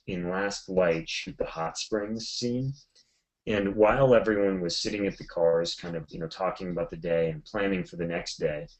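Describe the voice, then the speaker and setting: Deep-voiced man telling a story. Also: rough recording. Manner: animated storyteller, many fillers and restarts. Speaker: photographer guest. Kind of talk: casual storytelling in a webinar.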